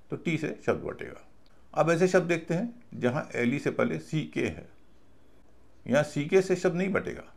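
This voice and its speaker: A man teaching a video class, slow and patient, stopping to spell out each word letter by letter. His voice is gravelly and rises and falls a lot. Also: medium pitch. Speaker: English pronunciation teacher.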